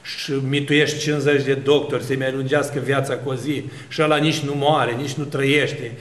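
Animated preaching priest in an echoey room. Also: male voice, mid-range voice. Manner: animated preaching with rhetorical questions and long lists. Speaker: Orthodox priest. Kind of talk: sermon.

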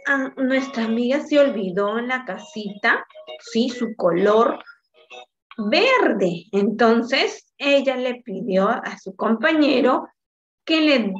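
A woman teaching young children in a slow, patient lesson. She coaxes them along, checking in after nearly every phrase. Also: fairly high pitch, lively intonation. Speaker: preschool teacher. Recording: dull lo-fi recording with faint music.

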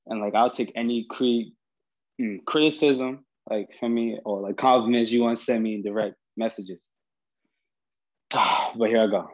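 A young man, a student, performing spoken word poetry over a video call, with a rhythmic, emphatic delivery. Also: extremely high pitch. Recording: dull lo-fi video call audio.

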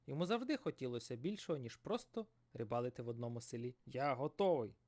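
A man narrating a fairy tale in an expressive, dramatic storybook style. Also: medium pitch, fast talker.

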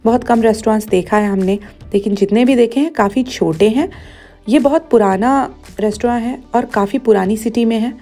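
A woman's voice: a little high, a little fast, warm tone, faint music behind. A woman in her thirties narrating a casual food vlog in a chatty, upbeat way, slipping English phrases into her talk. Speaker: food vlogger.

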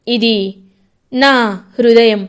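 A woman's voice: fairly high pitch, fairly even intonation, extremely slow, clear, resonant tone. A woman voicing a persistent young man in love.

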